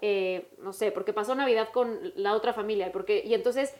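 A woman podcast host with a Mexican Spanish accent who tells stories in an animated, slangy, emphatic way. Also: mid-range voice, moderate pace. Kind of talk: casual podcast chat.

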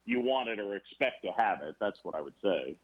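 A man, a baseball broadcaster guest on a podcast, talking in a rambling, animated way with many restarts. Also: lowish voice, a little fast, slightly rough. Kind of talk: casual podcast conversation. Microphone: phone or remote call. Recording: tinny phone line.

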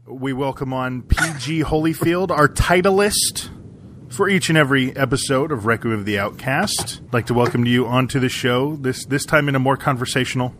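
A man's voice: brisk, fairly bright tone. A man hosting a podcast, interviewing a guest in a casual, conversational way. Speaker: podcast host. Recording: rumbling background noise.

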